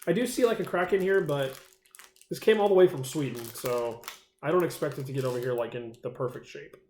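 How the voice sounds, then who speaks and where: Excited man in an echoey room. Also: on the high side, fairly quick, slight background noise. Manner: enthusiastic, rambling with many fillers. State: eating, mouth full at times. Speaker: food challenge vlogger. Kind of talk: casual solo vlog.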